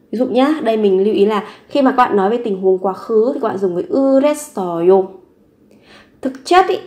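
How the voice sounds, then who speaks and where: A woman teaching a grammar lesson at a middle pitch, explaining each point step by step and repeating every example sentence. Her voice rings with a noticeable echo off the room. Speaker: Korean language teacher.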